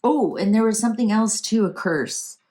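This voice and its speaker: Her pitch sits on the higher side and her tone is dark, delivered at an ordinary speed. She's a Canadian tarot reader hosting her channel, improvising a relaxed reading while thinking aloud.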